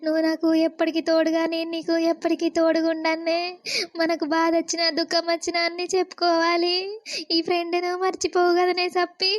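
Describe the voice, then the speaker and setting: Cartoon young bride, Telangana accent, tearful, pleading, flat squeaky voice. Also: female voice, brisk, no room sound, clean studio sound. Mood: heartfelt. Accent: Telangana Telugu. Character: tearful young bride leaving her parents' home. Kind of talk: cartoon voice acting.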